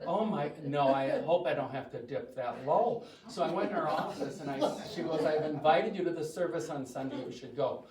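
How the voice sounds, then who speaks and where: An older Midwestern man with a big, fairly high voice speaks at normal speed with few pauses, and a crowd is audible in the background. As a guest speaker in a church hall, he gives the congregation a chatty talk full of jokes at his own expense, recorded from far away amid the hall's echo.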